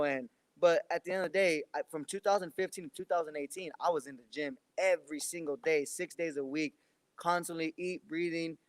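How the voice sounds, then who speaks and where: A professional boxer, a young man in his twenties with a fairly high voice, answers interview questions loosely and ramblingly, restarting often. The recording has no room sound.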